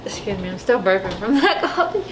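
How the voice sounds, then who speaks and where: A woman's voice: mid-range voice, big pitch swings, brisk, roomy sound. A woman co-hosting a casual home cooking video, explaining the steps plainly. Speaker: co-host of a family cooking channel. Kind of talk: casual cooking demo chat. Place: home kitchen. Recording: noisy home kitchen.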